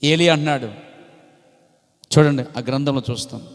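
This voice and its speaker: A man's voice: medium pitch, brisk. A man preaching a sermon, with emphatic repetition and frequent praise interjections. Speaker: pastor. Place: church hall. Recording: long hall reverb.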